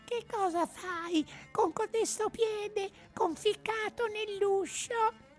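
Slow sleepy-calm snail lady, a woman voicing her, super high pitched, takes her time. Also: soft background music. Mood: unhurried. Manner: slow, drawn-out, calm delivery. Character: placid, unhurried female snail.

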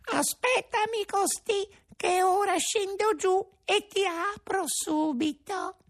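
A man voicing a placid, unhurried female snail in a storybook reading, with a very high, drawn-out voice. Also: a bit bright, no room sound, studio quality, exaggerated voice. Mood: placid, drawling. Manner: phlegmatic, patient, unhurried drawl.

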